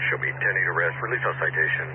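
A man's voice: deep voice, fast, recorded from a distance. A male police officer giving clipped radio codes to dispatch over a two-way radio. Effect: heard over a two-way police radio. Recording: tinny radio from afar with static.

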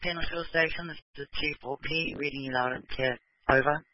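A higher-voiced man fading in over radio static, giving a short, clipped radio check. The sound is dry and dull. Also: fairly even intonation, fairly quick, dry recording. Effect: fading in over a two-way radio through static. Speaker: radio operator answering a check. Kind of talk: terse radio procedure.

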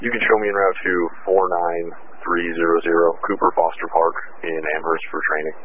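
A very deep-voiced man comes through a police radio, his delivery flat and even. He keeps it brief and matter-of-fact, as an officer reporting to dispatch. The sound is thin and tinny, like a radio transmission. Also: brisk, slight background noise.

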